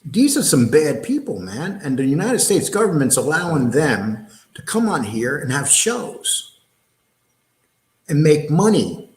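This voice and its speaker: The host of a livestream talk show speaks in a slightly high male voice that bounces around an echoey room. He is blunt and rambling, tossing out rhetorical questions and reading viewer comments aloud.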